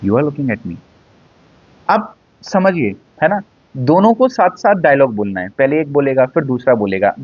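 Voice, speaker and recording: A man's voice: fairly high pitch, dry recording. Man, acting teacher, chatty explainer who keeps checking in; dry, slightly muffled recording. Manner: conversational, mixes Hindi and English, frequent checking "है ना?". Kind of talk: casual Hindi-English lesson. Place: indoors, seated.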